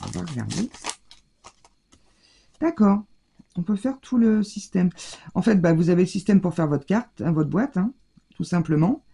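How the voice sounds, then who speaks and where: Gravelly, dark-voiced French woman vlogging. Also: lowish voice, lively intonation, normal speed, long pauses. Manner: hesitant, many fillers and restarts. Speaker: scrapbooking vlogger. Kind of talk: casual haul video.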